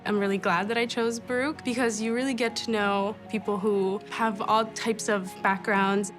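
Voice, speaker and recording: A woman's voice: medium pitch, fairly even intonation, moderate pace. Sincere young woman from Poland. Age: young adult. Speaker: student in a college video. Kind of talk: interview testimonial. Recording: soft music underneath.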